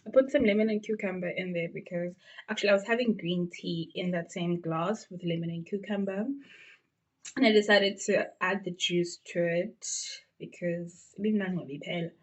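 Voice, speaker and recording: A South African beauty vlogger in her twenties chats casually with her viewers in a get-to-know-me video, using lots of fillers. Her voice is lowish and steady, at a normal speed, and the recording sounds muffled.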